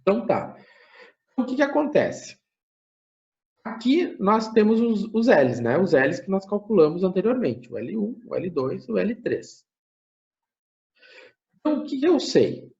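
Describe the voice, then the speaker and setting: A man giving a math lecture, thinking aloud step by step, often checking in with a quick tag question and correcting himself as he goes. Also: high-pitched, big pitch swings, gravelly, a little mellow. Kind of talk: recorded classroom lecture. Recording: muffled lo-fi recording.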